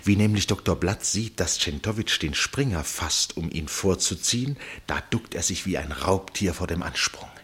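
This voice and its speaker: An actor playing a first-person narrator in a literary radio play, a husky-voiced man telling his account in a measured, suspenseful way. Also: low voice, expressive, a bit bright, exaggerated voice. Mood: tense. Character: male first-person narrator, absorbed witness of a chess match.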